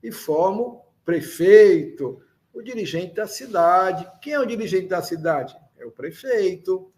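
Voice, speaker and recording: A man with a Brazilian Portuguese accent teaching a language lesson, explaining slowly and repeating words and spelled-out letters for learners. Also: sits high, expressive, a little mellow. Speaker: Esperanto teacher. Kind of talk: slow, deliberate classroom explanation.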